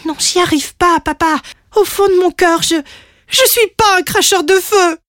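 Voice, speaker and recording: A woman's voice: very high voice, moderate pace, fairly bright tone, no room sound, studio quality, pitched above the performer's own voice. A woman voicing a timid young boy dragon who stammers and pleads, in a storybook reading. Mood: pleading.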